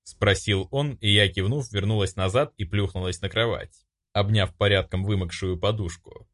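A man narrating a fantasy audiobook in an expressive storytelling manner. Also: lowish voice, moderate pace. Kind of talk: scripted narration.

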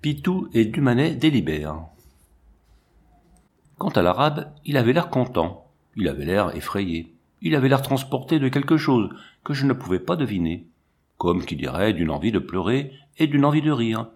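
A man narrating a classic adventure story in a lively, expressive reading style. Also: medium pitch, vocal fry. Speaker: audiobook narrator.

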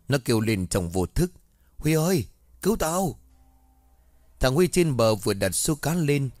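Guy telling a ghost story, pitch bouncing around, dry close recording. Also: a little mellow, dry recording. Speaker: narrator.

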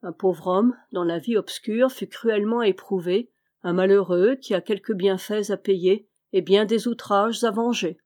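A woman reading the lines of a calm, secretive male charcoal burner in a storybook, measured and even. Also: medium pitch, lightly acted.

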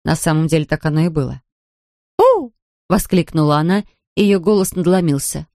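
A woman narrating an audiobook in an expressive, measured way. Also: low-pitched, dry recording, studio quality.

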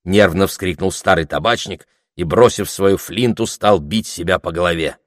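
Low voiced guy calmly reading a story aloud, dry close sound. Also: normal speed, no echo. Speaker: audiobook narrator. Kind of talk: scripted narration.

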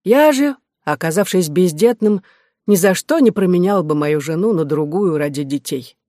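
Kindly old guy reminiscing, gently teasing, bit high voice, read by a man, dry sound. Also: animated, moderate pace, dry recording. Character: kindly old widowed uncle, lonely, humorous.

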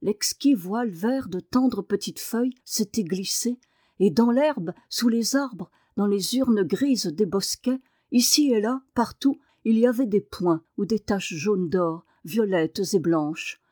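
A woman reading a novel aloud as an audiobook narrator, with measured, expressive narration. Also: medium pitch, no room sound, studio quality.

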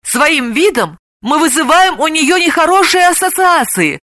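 A woman voicing a brisk, bossy young woman who gives orders firmly. Her voice sits a little high and bright, with a dry, close sound. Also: sing-song, no room sound, heavily acted. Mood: commanding. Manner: firm, commanding.

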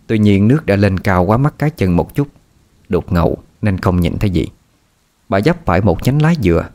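A man narrating a ghost story in a steady, somber way. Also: low-pitched. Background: rain and soft music.

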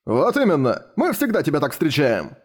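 A man voicing a calm, unflappable father in an audiobook. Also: on the high side, normal speed. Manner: deadpan.

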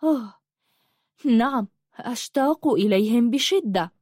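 A woman's voice: on the high side, lively intonation, unhurried, darkish tone, dry recording, clean studio sound. Woman voicing a flustered shy young woman. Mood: wistful. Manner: flustered, stammering.

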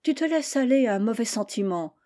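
Storybook: a patient noble mother, read by a woman, calm and reproving, mellow tone. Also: fairly high pitch, fairly quick, lightly acted. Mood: gently reproving. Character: gentle, reproving aristocratic mother.

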